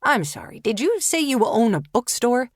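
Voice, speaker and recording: A woman's voice: a little high, very animated, normal speed, breathy edge, dry recording, studio quality, pitched above the performer's own voice. A woman narrator voicing a guarded, terse grown man speaking on the phone in an audiobook. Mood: wary. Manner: curt, wary.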